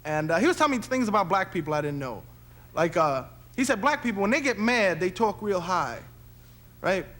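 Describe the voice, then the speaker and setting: A man doing a fast, punchy stand-up comedy set on stage, slipping into funny character voices. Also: sits high, sing-song. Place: comedy stage before a live audience. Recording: 1970s TV broadcast with loud crowd noise.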